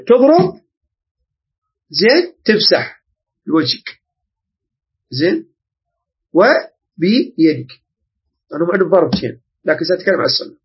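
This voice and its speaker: Iraqi guy teaching islamic law, kinda husky, slightly high, dull lo-fi audio. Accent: Iraqi Arabic. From Iraq. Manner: explanatory, checks understanding often. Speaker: religious teacher. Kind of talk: Islamic jurisprudence lesson.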